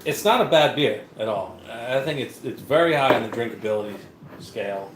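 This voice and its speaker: A man co-hosting a live beer review, talking in a loose, rambling way full of fillers and restarts. His voice sits at an ordinary pitch. The room rings with echo, and a faint hiss runs underneath. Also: lively intonation, normal speed. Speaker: beer review show co-host. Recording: echoey room with faint noise.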